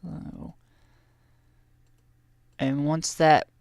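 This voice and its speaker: A man's voice: fairly high pitch, little pitch movement, drawn-out words, gravelly, a little mellow, no echo. Chatty man streaming from a headset. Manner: rambling, chatty, many fillers and restarts. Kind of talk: casual game stream commentary. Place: home room with a heater.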